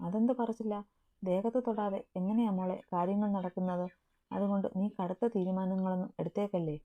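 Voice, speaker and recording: A woman's voice: medium pitch, little pitch movement, brisk, lightly acted. A woman voicing Joel, a tender young husband. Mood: teasing. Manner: tender, teasing. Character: young husband, loving, teasing, anxious. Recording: narrow phone-like sound.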